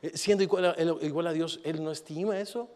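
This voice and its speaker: A man's voice: on the high side, a little fast. Man preaching in a reverberant hall. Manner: animated preaching, rising and falling in intensity. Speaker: pastor. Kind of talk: sermon.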